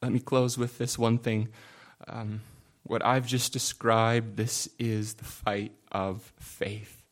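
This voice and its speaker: A man preaching a sermon in an earnest, confessional way, building from quiet reflection to impassioned emphasis. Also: on the low side, level tone, slow.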